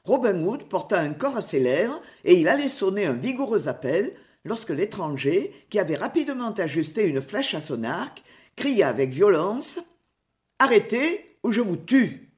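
A woman narrating a classic adventure novel as an audiobook reader, in an expressive, clear reading style. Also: lowish voice, moderate pace.

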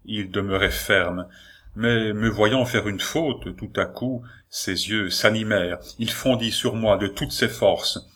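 A man narrating a classic story as an audiobook, in a measured, dramatic manner. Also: lowish voice, a bit bright.

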